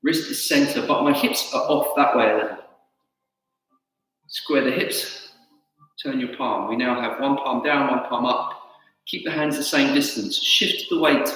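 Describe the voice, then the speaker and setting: A man teaching tai chi, giving calm, unhurried step-by-step instructions in short phrases. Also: medium pitch. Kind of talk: instructional movement cues. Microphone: camera at a distance. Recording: very echoey hall, distant mic, faint music.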